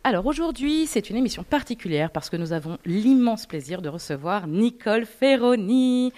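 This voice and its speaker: A woman's voice: medium pitch, expressive, moderate pace, darkish tone. A woman hosting a radio interview, upbeat and laughing often. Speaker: radio host.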